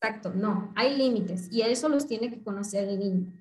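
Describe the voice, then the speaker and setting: A woman psychologist, explaining calmly and didactically in an interview and acting out examples. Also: medium pitch, normal speed. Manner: calm, didactic, acts out examples. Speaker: psychologist guest. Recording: roomy echo.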